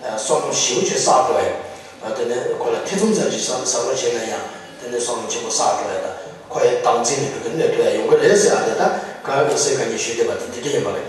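A man, a Buddhist lama, giving a religious teaching in a loose, halting way with frequent chuckles, recorded from a distance in a large monastery hall. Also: medium pitch, slight background noise. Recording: echoey hall from far off.

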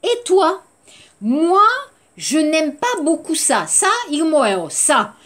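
A woman teaches a beginner French class at an unhurried pace, repeating each word and slipping in short Korean translations. Her voice sits a little high for a woman. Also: very animated, fairly bright tone. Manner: slow, repeats words, mixes in Korean glosses. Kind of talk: language lesson for Korean learners.

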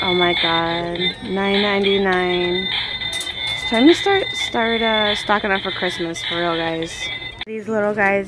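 A woman narrating a casual shopping vlog, gushing over cute finds as she films on a handheld phone in a large indoor store. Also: mid-range voice. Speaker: vlogger. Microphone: handheld phone camera. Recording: crowded store background.

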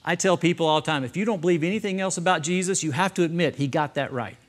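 A man's voice: fairly high pitch, quick pace. A middle-aged male pastor preaching a sermon to his congregation, emphatic and engaging them with questions and light humor. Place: church service before a congregation.

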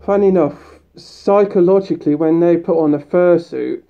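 Speaking through a mascot head, a fursuit video creator chats in a casual, upbeat vlog style, rambling with lots of fillers and restarts. The voice sits at medium pitch and moves at a moderate pace, and the recording is dull and lo-fi.

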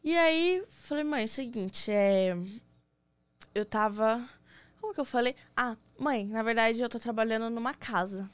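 A young Brazilian woman with a somewhat high voice tells her own story as a podcast guest. She acts out the quoted lines of the conversation she describes, and the recording is close and dry. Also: a little slow, clean tone, no room sound. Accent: Brazilian Portuguese. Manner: lively storyteller acting out quoted dialogue. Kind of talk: casual storytelling interview.

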